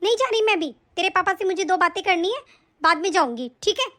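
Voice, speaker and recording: A woman voicing a cruel young daughter-in-law and mother in an animated story, speaking in a sharp, nagging, scolding way. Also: extremely high pitch, quick pace, full character voice.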